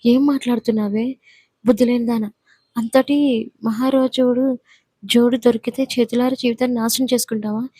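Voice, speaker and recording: Woman doing a furious middle-aged mother in a storybook: harsh and scolding, fairly high, husky. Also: steady tone, moderate pace, long pauses, dark tone, no room sound.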